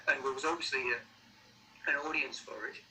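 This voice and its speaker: A mature man with a Sunderland accent talks casually in an interview. His voice is very bright and sharp at a medium pitch, and he often restarts words as he thinks. There is a faint noise behind him. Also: rough recording. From Sunderland, North East England. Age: middle-aged or older. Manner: halting, repeats words while thinking. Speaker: musician being interviewed.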